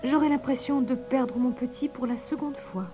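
Une femme en kangourou tendre. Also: female voice, sits high, fairly even intonation, normal speed, music in the background, voice pushed up, lightly acted. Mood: tender. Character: kind, motherly male kangaroo.

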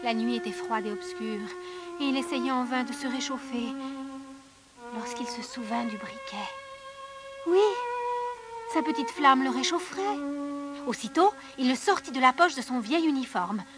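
A woman narrating a fairy tale in an expressive storybook manner, dropping to hushed tones and rising for drama. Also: fairly high pitch, normal speed, long pauses, music in the background.

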